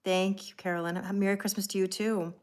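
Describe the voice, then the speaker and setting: A Canadian woman, likely in her thirties, hosts a tarot live stream, speaking fairly quickly in a medium-pitched, level voice. She chats casually with viewers, greets them by name and laughs often.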